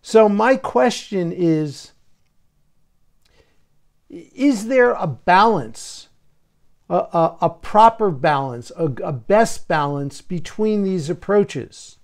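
Slow, deliberate older man asking questions. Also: high voice, expressive. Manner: slow, deliberate, hesitant with many fillers. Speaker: moderator. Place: home office. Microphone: video call.

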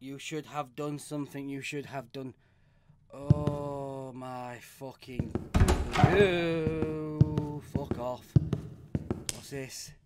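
A man's voice: mid-range voice, fairly even intonation, drawn-out words. A man commenting on a horror game he is playing, swearing often, shrieking when startled and reading on-screen text aloud. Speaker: let's play gamer. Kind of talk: let's play commentary. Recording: loud noise behind voice.

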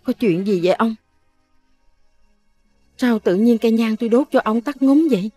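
A woman's voice: on the high side, moderate pace, warm tone, soft background music, lightly acted. An actress playing a worried, superstitious older mother with a Southern Vietnamese accent, talking in a fretful, pleading way. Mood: uneasy prayer. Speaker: family matriarch.

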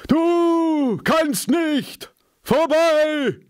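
Old wizard guy as a man reads him out, weary but standing firm, voice pushed way up high and loud, storybook reading. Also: very slow, no echo, full character voice. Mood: commanding. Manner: rises from low murmur to ringing commands. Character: old male wizard, weary yet steadfast.

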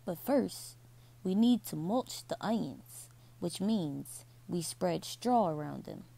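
A woman voicing a kind, patient old grandfather in a children's story, speaking gently and slowly. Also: on the low side, expressive, vocal fry, exaggerated voice. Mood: encouraging.

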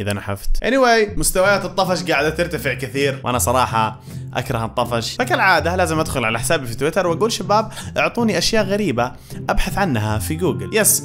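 A man in his twenties with a Gulf Arabic accent, chatting casually and playfully as a video host, dropping in English exclamations, on a close microphone. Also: mid-range voice. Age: 20s. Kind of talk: casual chat, reacting to web searches. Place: small indoor home studio room. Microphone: close studio microphone on boom arm. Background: faint background music.

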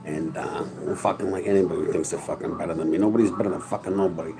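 A man's voice: sits low, steady tone, very fast, low-quality recording. A man, rambling through a profane, tough-talking monologue to camera. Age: 40s. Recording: crowd noise in background.

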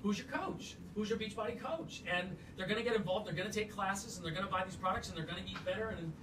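A man's voice: high voice, fast. Distant, echoey man giving an enthusiastic toast. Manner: rambling and enthusiastic, with restarts and "like". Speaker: speaker giving a toast at a company event. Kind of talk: informal motivational speech. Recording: echoey room, voice from afar, loud background noise.

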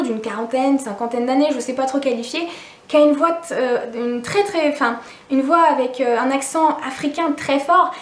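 High-pitched woman doing a casual storytime vlog, chatty, keeps restarting, talks straight to viewers, echoey room. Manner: candid and conversational, with frequent restarts and asides to viewers. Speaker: YouTuber telling a personal story.

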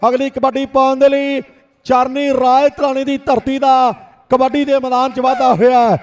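A male commentator calls each raid in an excited, declamatory style. His pitch is strikingly high. The loudspeaker sound carries a long reverberant tail. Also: normal speed. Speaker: kabaddi commentator. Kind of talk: live raid-by-raid kabaddi commentary. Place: outdoor village sports ground over loudspeakers. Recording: reverberant loudspeaker at sports ground.

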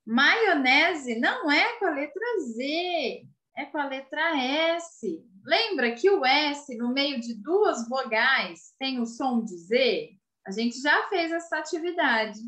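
A woman's voice: high-pitched, expressive, takes it slowly, bright, forceful tone. A woman teacher with a Brazilian Portuguese accent giving a video lesson to children, patiently spelling out and repeating words and checking that the class follows. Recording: roomy echo.

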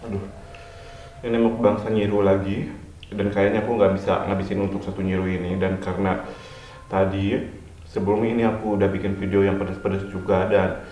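A man's voice: low-pitched, level tone, a little fast, dark tone, roomy sound, far from the mic, slight background noise. A man hosting a mukbang, chatting casually and eagerly about the food with his mouth full, chewing as he talks. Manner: chatty, enthusiastic about the taste. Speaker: mukbang host. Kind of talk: casual food review to camera.

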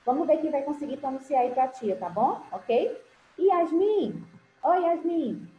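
High, affectionate woman teacher on a video call. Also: lively intonation, unhurried. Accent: Brazilian Portuguese. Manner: affectionate, encouraging, pet names. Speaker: English teacher. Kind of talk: online class with children. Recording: roomy, dull video-call audio with faint hiss.

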